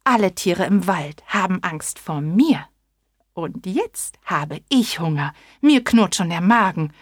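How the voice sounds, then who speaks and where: A woman voicing a small, clever, boastful mouse in a storybook reading, talking slowly. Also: expressive, dry recording, clean studio sound. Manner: squeaky, bold and bragging.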